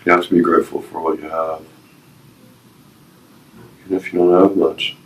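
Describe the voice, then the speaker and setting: He's a retired Navy veteran in his fifties with a rumbling low voice, delivering flatly at a moderate pace. In an interview, he earnestly recounts personal stories and gives life advice through short, emphatic, repeated phrases. The recording is rough.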